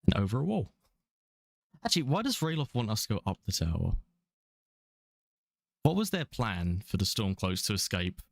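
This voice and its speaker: Rambling young Londoner streaming a game. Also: male voice, on the low side, big pitch swings, normal speed, vocal fry, pauses often, dry recording, studio quality. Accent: London English. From England. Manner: rambling, chuckling, casual swearing. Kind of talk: casual live-stream commentary.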